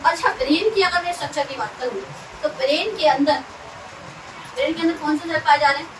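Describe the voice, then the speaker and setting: A woman, teaching a science class and quizzing students, repeating terms slowly for them to echo back. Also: high-pitched. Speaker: science tutor. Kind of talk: classroom lesson with call-and-response drilling. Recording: echoey room, mic at a distance, audible noise.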